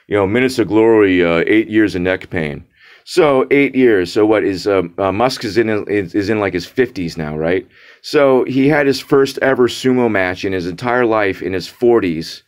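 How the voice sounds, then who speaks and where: This is a casual rant to camera by a young male vlogger whose voice is lowish and clean in tone. Exasperated and mocking, he keeps restarting, drops in fillers, and repeats words to stress his points.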